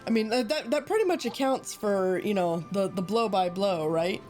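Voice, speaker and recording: A woman's voice: mid-range voice, moderate pace, a little mellow. A woman streaming a game, chatting with friends in a playful, joking way and laughing often. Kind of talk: casual gaming commentary. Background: game music.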